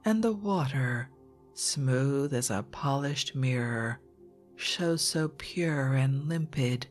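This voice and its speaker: A narrator gives a quiet ASMR reading at a very slow, measured pace. The voice is soft and hushed, often slipping toward a whisper, with a calming delivery. Music plays behind it. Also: medium pitch. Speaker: narrator, reader. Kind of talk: ASMR quiet reading of an old geology book, scripted narration.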